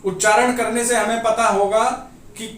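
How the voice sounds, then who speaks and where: A man teaching a grammar class for exam preparation, explaining each point step by step and pausing so students can note it down. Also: high-pitched, level tone, fairly bright tone. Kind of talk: exam-prep grammar lesson. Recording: echoey room, voice from a distance off the mic.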